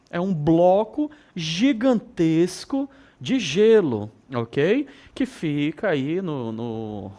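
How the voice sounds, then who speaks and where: Lively northern Brazilian teacher. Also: male voice, on the high side. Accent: northern Brazilian Portuguese. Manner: lively, repeats words slowly for students, frequent "ok?" and "né?". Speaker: English teacher. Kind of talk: televised school lesson.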